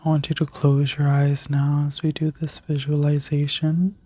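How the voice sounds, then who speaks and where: A woman whispering a soothing guided meditation in an ASMR style, like a sleep story narrator, gently giving instructions with a breathy voice. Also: low-pitched, little pitch movement, normal speed, no room sound. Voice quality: breathy, mostly unvoiced whisper. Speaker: ASMR reiki healer and video host.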